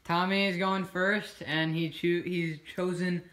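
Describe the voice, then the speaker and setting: A teenage man hosting a casual home gaming video in a living room, getting excited and shouting at big catches. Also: sits high, unhurried, reverberant, background noise. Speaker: channel host.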